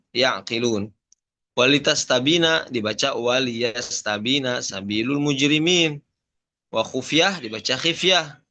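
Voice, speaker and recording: Young male recitation teacher, slow deliberate delivery, bright tone, chants brief verses between explanations. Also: mid-range voice. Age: young adult. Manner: lists variant readings, chants short Quranic phrases. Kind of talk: online lesson.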